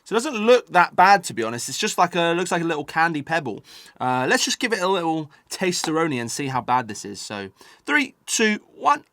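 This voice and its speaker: A man's voice: fairly high pitch, big pitch swings, a little fast, pushed and bright, no room sound. A British man talking casually to viewers as he eats sour candy in a taste-test vlog. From United Kingdom. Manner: eating sour candy while talking, reacting to the sourness. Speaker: host of a taste-test video.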